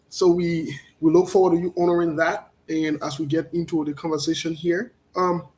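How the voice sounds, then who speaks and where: A man hosts an interview in a casual, friendly way. His voice sits notably high for a man. He talks loosely, with fillers between his phrases. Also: little pitch movement, normal speed, darkish tone, poor audio. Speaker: interview host.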